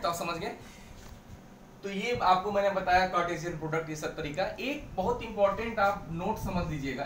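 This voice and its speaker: Maths teacher guy, kinda high voice, going over each step again and again, far from the mic. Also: fairly bright tone, a little hiss or hum. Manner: explains step by step, repeats key points, mixes in English phrases. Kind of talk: blackboard maths lesson. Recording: echoey room, mic at a distance.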